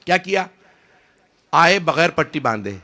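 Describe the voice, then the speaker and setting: Male preacher, emotional sermon, dramatic, swears oaths, cries out, animated pitch. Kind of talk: impassioned mourning sermon.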